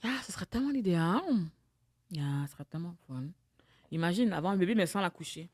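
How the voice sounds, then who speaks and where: A woman with a Québécois French accent co-hosting a casual podcast chat, emphatic and animated as she tells stories. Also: lowish voice, fast talker, no room sound, studio quality. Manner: emphatic, animated storytelling with bursts of loud laughter. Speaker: podcast co-host.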